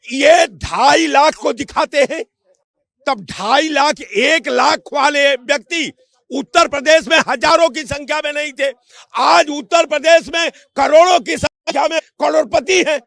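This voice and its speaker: A man's voice: very high-pitched, measured pace, vocal fry, a bit bright, no echo. A man from the public in a street interview, arguing heatedly and rhetorically, raising his voice in bursts. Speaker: member of the public. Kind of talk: street vox pop debate.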